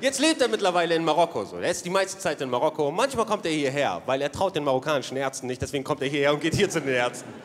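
A man doing stand-up storytelling on a comedy stage, animated and bursting into shouts. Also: on the high side, very fast, few pauses, a little hiss or hum. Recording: live stage with hall reverb and audience.

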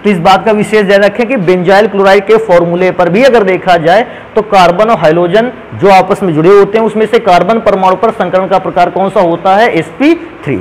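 A man teaches a chemistry lesson at the whiteboard, working through examples step by step and calling his students "beta." His voice is high-pitched and a little fast, with few pauses. The low-quality recording carries a little hiss or hum.

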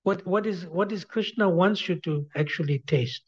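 A man doing a gently teasing old teacher. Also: high-pitched, moderate pace, slightly rough, voice pushed up. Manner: questioning, teasing back. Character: older male spiritual teacher, gently teasing. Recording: dull lo-fi recording.

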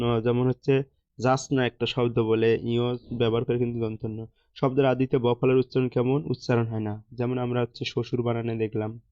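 A man's voice: medium pitch, dry recording. A man with a Bangladeshi Bengali accent teaching an exam-prep lesson, reading out questions and answering each one with examples. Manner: reads questions then answers them, explaining examples. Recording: dull, dry lo-fi sound.

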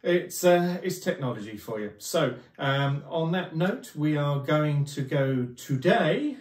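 A man's voice: on the high side, expressive, slow pace. A man hosting a casual home video, joking and rambling with many fillers in his living room. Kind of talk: casual chat to camera. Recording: roomy echo, mic at a distance.

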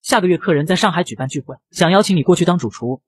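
A man reading a pushy middle-aged hotel manager in a comic recap, quick to scold. The reading is very fast and husky, with a dry sound. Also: sits high, dry recording. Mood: pleased.

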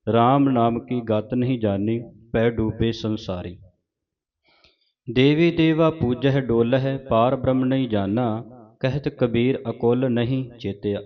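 Slow, measured Punjabi man reciting. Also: medium pitch. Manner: recites verses line by line, pausing to correct pronunciation. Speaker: scripture recitation teacher. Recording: dull lo-fi recording.

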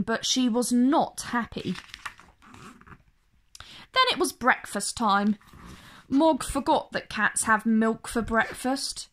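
A woman with a slightly high voice reads a children's story aloud, expressive and slow like a picture-book read-aloud. She phrases each line clearly and deliberately for young listeners.

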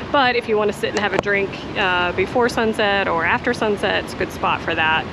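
A woman's voice: mid-range voice, normal speed. A woman in her thirties chatting casually on a walking tour, filming herself at arm's length outdoors, with many ums and likes. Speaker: travel vlogger. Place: city streets outdoors, then a restaurant terrace. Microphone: action camera held at arm's length. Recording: loud street and traffic noise. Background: traffic and city ambience.

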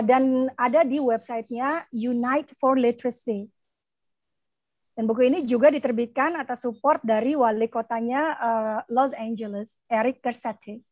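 A woman teacher with an Indonesian accent gives a lesson over the radio, speaking slowly and carefully so children can repeat after her. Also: sits high, dry recording. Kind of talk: bilingual reading lesson on radio. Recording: dull, lo-fi radio broadcast.

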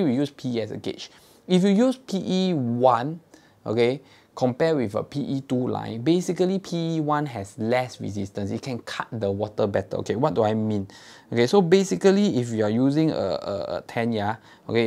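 His voice is mid-range, gravelly, and mellow. The man, in his thirties with a Singaporean English accent, runs a fishing tackle shop channel and gives a casual step-by-step gear tutorial to camera, demonstrating with his hands and asking "okay?", recorded on a lapel mic in a small indoor studio.

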